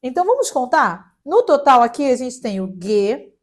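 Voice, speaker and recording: A young Brazilian woman giving a casual online German lesson, spelling letters out slowly and adding light jokes. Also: high-pitched, sing-song. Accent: Brazilian Portuguese. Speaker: German teacher.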